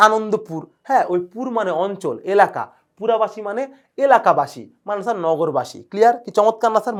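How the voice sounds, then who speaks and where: Fast-talking male teacher. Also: sits high. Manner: fast, checks in constantly with "clear, sir?"; enthusiastic about word origins. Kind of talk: recorded exam-prep lecture.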